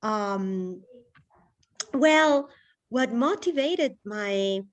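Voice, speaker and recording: Chatty woman from Ecuador, unhurried guest speaker. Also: a little high, lively intonation, highs cut off. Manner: chatty, many fillers. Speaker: writer guest. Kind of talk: online panel talk.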